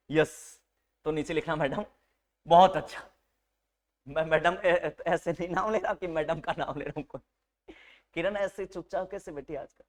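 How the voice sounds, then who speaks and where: Animated, teasing male classroom teacher. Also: fairly high pitch. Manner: animated, teasing, mixes Hindi with English terms. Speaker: nursing exam teacher. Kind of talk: live classroom lecture. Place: classroom with students.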